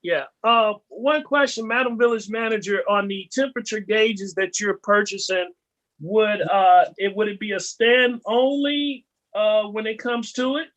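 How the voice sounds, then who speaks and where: A man with a notably high voice speaks in a folksy, country Mississippi accent. He puts informal questions as a trustee at a public meeting. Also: measured pace, a bit bright, low-quality recording. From Mississippi, United States.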